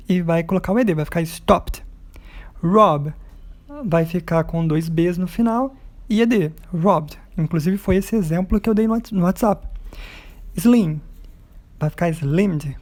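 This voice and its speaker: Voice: medium pitch, mellow. An English teacher with a Brazilian Portuguese accent, patiently correcting exercises step by step and checking in with students as they go. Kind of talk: recorded lesson, correcting exercises.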